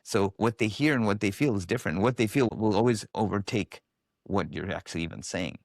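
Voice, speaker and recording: Speaking a little fast with a lowish voice and some vocal fry, a male biofeedback specialist tells animated stories as an interview guest, imitating the people he quotes in a casual storytelling style. The sound is studio quality with no echo.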